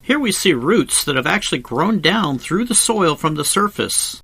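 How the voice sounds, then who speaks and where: A man with a bright, crisp-edged voice narrates a travel video in lively, swooping intonation. He explains things conversationally, like an informal guide, and drops in wry asides. The voice-over sounds close and very dry. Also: on the high side, moderate pace, dry recording. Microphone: close voice-over microphone, recorded separately from the cave.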